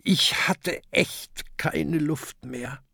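A hoarse, croaky little dragon boy speaks a bit higher than plain talk, in a storybook reading, as the narrator puts him on. He sounds winded and raspy, and the recording is dry and close. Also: very slow, bright, forceful tone, no room sound, exaggerated voice. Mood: relieved. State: hoarse, out of breath. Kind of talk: audiobook narration.

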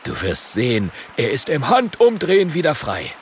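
A man voicing a confident, measured male merchant in a children's audiobook. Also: fairly high pitch, wildly swooping pitch, slight background noise, pitched above the performer's own voice. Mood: assured. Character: self-assured grown male merchant.

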